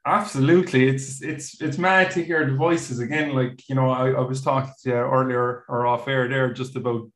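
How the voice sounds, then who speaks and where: A man with an Irish accent from Cork, hosting a casual chat in a halting way, with an echoey sound. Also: medium pitch, fairly even intonation, fairly bright tone. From Cork, Ireland. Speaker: podcast host.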